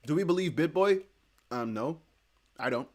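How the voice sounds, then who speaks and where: A young man with a Dutch accent hosts a crypto livestream, chatting casually in a voice on the high side. Chatty and animated, he reads viewer comments aloud with quick laughs.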